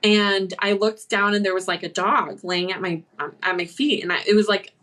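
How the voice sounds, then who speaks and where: A woman's voice: mid-range voice, moderate pace, a bit bright. Female host, casual rambling storyteller, mid-range voice. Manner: rambling storyteller, many "like"s and restarts. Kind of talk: casual livestream chat.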